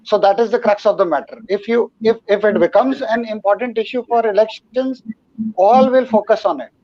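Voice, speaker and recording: A man speaks on an online panel in a high voice. He lectures with emphasis and drives home his point. His line sounds dull and lo-fi. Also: fairly quick.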